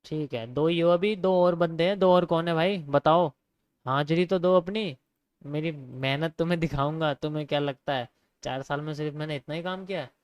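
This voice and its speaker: Smooth-voiced young man teaching live. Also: on the high side, fairly quick, no room sound. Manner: casual, repeats points, addresses viewers as bro. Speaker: trading teacher. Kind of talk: live online trading lesson.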